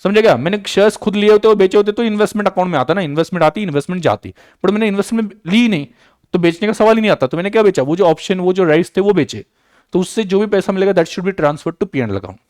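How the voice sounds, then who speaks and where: A man's voice: high voice, expressive, darkish tone, no room sound, studio quality. A man lecturing on accounting, mixing English terms into his explanation and often checking that students follow. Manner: repeats key points, checks understanding with "बराबर?" and "clear?"; slows down to dictate journal entries. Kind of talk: recorded online lecture.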